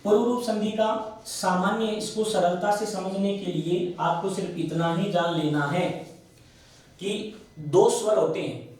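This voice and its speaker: A man's voice: sits high, a little mellow. A man with a Rajasthani Hindi accent teaching Sanskrit grammar in a classroom lecture, posing questions to himself and answering them, stretching out key sounds. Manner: asks and answers his own questions, slows on key sounds. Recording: very echoey room, mic far off.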